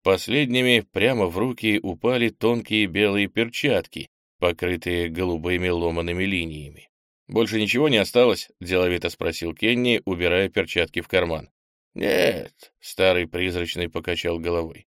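A man reading a novel aloud as audiobook narrator, in a steady, even manner. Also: low-pitched, normal speed, clean tone, no echo, clean studio sound. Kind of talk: scripted narration.

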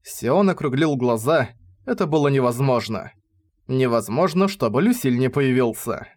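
A man reading a fantasy story aloud as narrator, in even, measured scripted narration. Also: mid-range voice.

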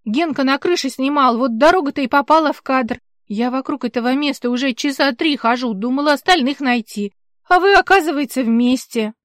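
A loud, earthy actress talks bluntly and at length in a high, bold voice, as a woman reads her. Her tone is brash and direct. The recording is dry. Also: fairly quick, dry recording, natural voice. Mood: chatty.

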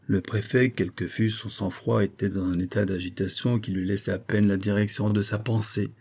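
Male audiobook reader, dark and husky, steady expressive narration. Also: fairly low pitch, moderate pace. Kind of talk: scripted narration.

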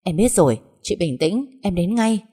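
A woman voicing a gentle, level-headed younger sister who soothes her family. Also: fairly low pitch, lively intonation, normal speed, slightly rough. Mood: calm caring. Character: caring, calm younger sister.

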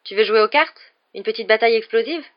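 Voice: medium pitch, fast talker, highs cut off, voice pushed up, lightly acted. A reader doing a nervous, eager schoolboy. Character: anxious, eager round-faced schoolboy.

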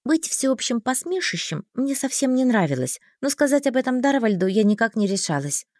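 A woman reads a first-person audiobook with a fairly high voice. Her intonation is lively and expressive. The recording is dry and close, with no room sound. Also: moderate pace, dry recording. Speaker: audiobook narrator.

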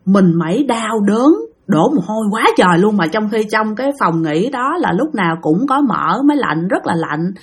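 A woman's voice: medium pitch, expressive, moderate pace, breathy edge. A woman with a Southern Vietnamese accent telling a ghost story in a chatty, casual way, often speaking directly to listeners.

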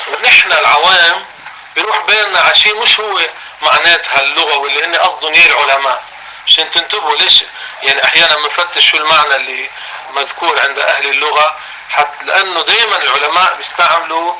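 A man with a Levantine Arabic accent giving a religious lesson in class. He reads a text slowly, explains it in everyday words and asks his students questions. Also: fairly high pitch, pushed and bright, slight background noise, low-quality recording. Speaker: religious teacher.

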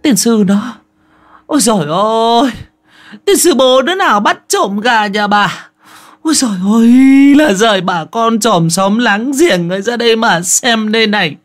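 A man voicing a loud, self-pitying old village woman who screeches curses and wails. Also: sits high, animated, normal speed, pitched above the performer's own voice. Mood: furious cursing. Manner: screeching, cursing and wailing.

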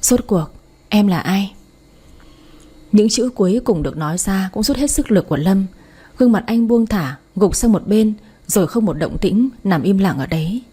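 A woman reading a romance story aloud in scripted narration, soft and emotive. Her voice is mellow and warm with a breathy, slightly husky texture. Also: medium pitch, lively intonation, moderate pace. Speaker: audiobook narrator.

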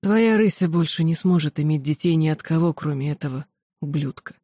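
A woman voicing a sick male mage who speaks hoarsely, weak and strained. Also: low voice, a little fast, mellow, no room sound, studio quality. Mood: grave.

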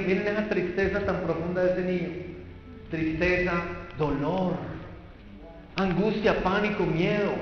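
A man preaching a lively sermon, talking straight to the audience and acting out what people say. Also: high-pitched, slight background noise. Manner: animated, acts out quoted voices, addresses audience directly. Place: large echoing hall or church at a conference. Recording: very echoey hall, dull sound.

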